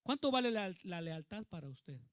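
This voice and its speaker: A man's voice: high-pitched, very animated, moderate pace, no room sound, clean studio sound. A male pastor preaching a sermon with emphasis, often putting questions to the congregation.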